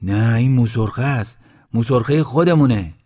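A man voicing a kindly village man who speaks up to protect an outcast, in a steady, reassuring way. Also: lowish voice, close to an everyday voice. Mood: surprised.

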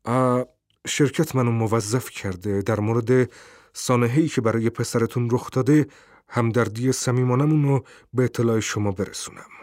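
A man voicing a hesitant, formal company messenger who pauses on drawn-out ums. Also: mid-range voice, a little mellow, no room sound, clean studio sound, lightly acted.

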